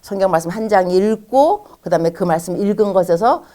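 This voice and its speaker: A woman's voice: medium pitch, fairly quick. A middle-aged woman missionary giving a church lecture to parents, acting out parents and children in little quoted scenes. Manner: animated, acts out parents and children in quoted lines. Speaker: missionary speaker.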